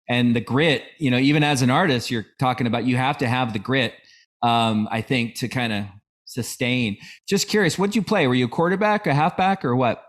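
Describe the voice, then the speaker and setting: A middle-aged man hosting a podcast, speaking at a mid pitch for a man. He talks in a reflective, conversational way and warmly affirms his guest's points. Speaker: podcast host. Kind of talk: casual podcast interview.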